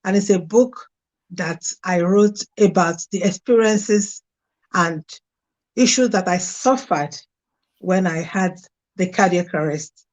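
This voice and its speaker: Taking it slowly, a middle-aged woman from Nigeria speaks in a low-ish, slightly mellow voice with a Nigerian accent. She's an interview guest frankly relating her life story, heard through dull lo-fi sound.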